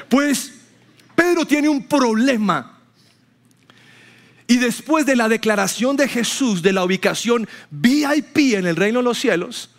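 A man preaching a sermon to a church congregation, telling stories and acting out the people he quotes. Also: sits high. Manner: storytelling, acts out quotes with rising voice. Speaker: pastor.

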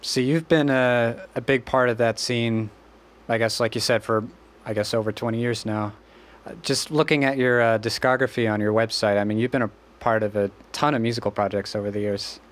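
A man's voice: mid-range voice, fairly even intonation, brisk. Casual male podcast host asking questions. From Western Massachusetts. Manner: friendly, curious questioning. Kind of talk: casual interview.

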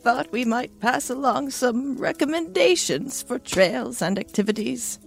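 A polite, gently apologetic older wife next door, voiced by a woman in a horror audio story. Her voice is fairly high and lilting, with a gravelly edge at the ends of phrases. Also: lively intonation, a little slow, faint music behind, exaggerated voice.

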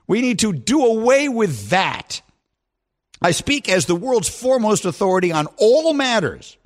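A radio host in his fifties delivers an opinionated, mock-outraged rant. His voice sits high for a man and swings widely in pitch as he builds his point. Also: very animated, a little slow. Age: 50s. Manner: mock-outraged ranting, rising and emphatic.

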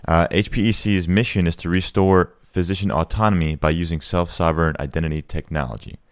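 A man's voice: deep voice, fairly even intonation, brisk, no room sound, clean studio sound. A man hosting a podcast, introducing the show and interviewing a guest in an upbeat, conversational way. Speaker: podcast host.

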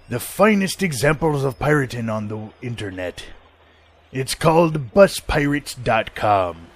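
A man's voice: on the high side, a bit bright. A man playing a jovial, rascally pirate who hosts a comic podcast in a pirate voice, given to jokey rambling asides. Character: jovial, rascally male space pirate show host. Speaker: podcast host.

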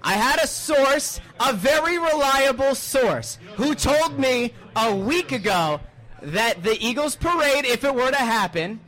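A man's voice: extremely high pitch, animated, a little slow, fairly bright tone. A man talking sports in a declamatory, old-time auctioneer manner, as if addressing a crowd. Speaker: sports podcast host. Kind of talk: animated sports talk.

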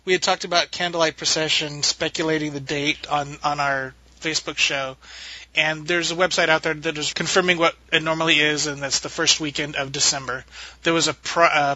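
Man, podcast host, very bright forceful tone, slightly husky, casual roundtable chat. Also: a little high, level tone, normal speed, no echo, dull audio.

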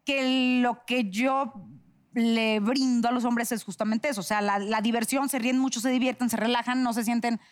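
A middle-aged woman with a Mexican accent, a guest in casual chat, telling stories in an animated way and laughing often. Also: on the high side, normal speed.

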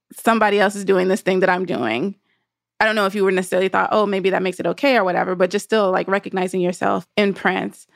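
Female podcast host: mid-pitched narration with vocal fry, dry studio sound. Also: no room sound. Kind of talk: scripted podcast narration, some conversational interview.

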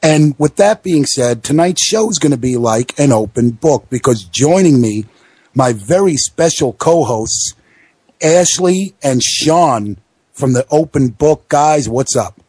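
A man with a husky voice at middle pitch hosts a casual sports radio show. He talks bluntly, in a very dry, close recording. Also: expressive, measured pace, darkish tone, no room sound. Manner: blunt, freely swearing. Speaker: host of a wrestling radio show. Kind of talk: casual live commentary chat.

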